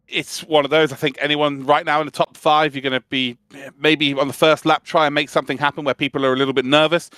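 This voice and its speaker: A man's voice: a little high, level tone, quick pace, pushed and bright, no room sound, clean studio sound. A man giving live motorsport commentary on esports sim racing, analysing in a conversational, enthusiastic way.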